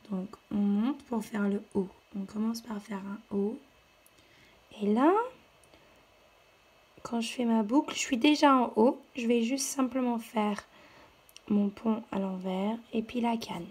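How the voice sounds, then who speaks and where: A woman teacher walks young children through a handwriting lesson one step at a time. Her voice sits a little high and breathy, and she speaks slowly and patiently. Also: darkish tone. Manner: slow, patient step-by-step instruction.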